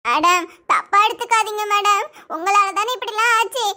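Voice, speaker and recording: A woman's voice: very high-pitched, moderate pace, bright, forceful tone, heavily acted. A woman voicing a cheeky, greedy young maid in a cartoon, wheedling and gossipy, with a Tirunelveli Tamil accent. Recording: noisy cartoon voice track.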